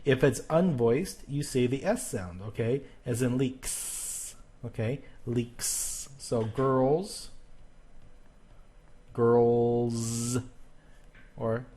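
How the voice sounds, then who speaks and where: A man giving a recorded pronunciation lesson in a patient, step-by-step way. He often stops to check in with the listener. He says example words slowly and more than once. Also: mid-range voice, expressive, mellow, husky. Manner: patient, explains step by step with frequent checks like "okay?". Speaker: teacher. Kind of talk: spoken grammar lesson.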